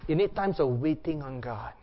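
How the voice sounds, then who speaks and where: A man's voice: a little high, animated, moderate pace, dull audio. A man preaching a sermon and guided prayer, instructing the congregation in repeated, simple phrases.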